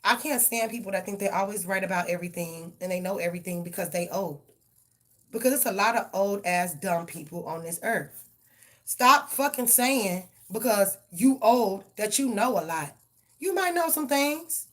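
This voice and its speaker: A woman's voice: lowish voice, lively intonation, moderate pace. Woman w doing a live tarot reading, blunt and cussing, gets heated. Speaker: tarot reader.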